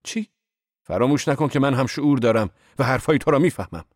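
Brief: man reading as a bookish young boss, indignant, gravelly low voice, audiobook. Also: expressive, no echo, studio quality. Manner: earnest, indignant questioning.

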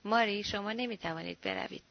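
A woman's voice: mid-range voice, dry recording, dull audio, close to an everyday voice. A woman reading the part of an anxious middle-aged husband who speaks earnestly and cautiously. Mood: firm.

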